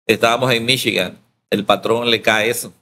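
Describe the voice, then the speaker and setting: A man's voice: medium pitch, fairly even intonation, normal speed, sharp tone. A man from El Salvador, a pastor, telling his story in an interview and acting out the quoted dialogue.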